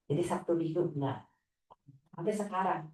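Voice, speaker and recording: An Islamic teacher gives an inspirational talk about her students, acting out a child's whiny replies as she goes. Her voice sits on the low side, warm and moderately paced, caught by a distant mic in an echoey room.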